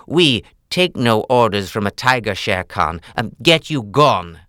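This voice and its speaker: A man's voice: lowish voice, very animated, a little slow, pushed and bright, no room sound, clean studio sound, full character voice. A man voicing a firm, proud father wolf. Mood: defiant. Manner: firm, raised declarations.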